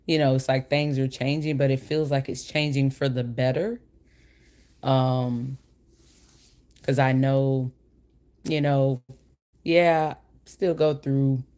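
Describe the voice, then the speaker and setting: A woman with a rumbling low, warm voice hosts a casual livestream chat. Her talk is informal, slangy and meandering, and the retainer she's wearing slightly slurs her speech.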